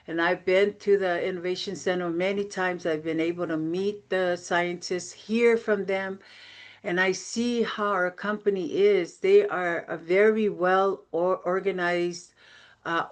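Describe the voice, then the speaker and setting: A woman with a slightly low voice leads a motivational team training. She talks in an upbeat, chatty way, full of fillers and repeated phrases. She is from American Samoa and is heard over a video call. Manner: upbeat, repetitive, conversational with fillers. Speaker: team leader giving a training.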